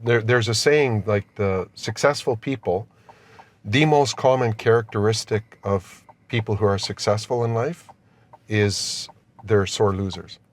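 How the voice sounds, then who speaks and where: Here the same kind of speaker, a middle-aged Austrian immigrant to Canada who runs a company, talks a little slowly in a voice on the low side. It's a casual interview conducted in a car on the road, with the noisy cabin audible throughout.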